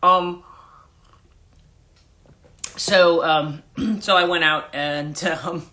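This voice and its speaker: A life coach hosts a casual morning livestream, greeting viewers as they join and rambling gently with lots of fillers and repeated throat-clearing. Allergies leave her voice husky, congested and a register lower than usual, yet a bright, forward edge cuts through. Her intonation is fairly even and her pace very slow.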